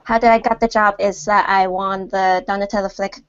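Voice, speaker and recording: A woman from Hong Kong introduces herself carefully and hesitantly, with pauses. The sound is dry, with no room around it. The call audio is muffled and narrow. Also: medium pitch, little pitch movement, smooth, dry recording. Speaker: panel guest. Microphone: video call.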